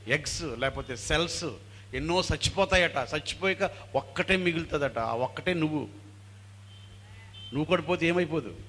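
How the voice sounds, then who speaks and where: Preaching man, soft hum behind. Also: medium pitch. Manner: call-and-response preaching, mixing English phrases, swings from loud to hushed. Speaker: pastor. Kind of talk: sermon. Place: function hall.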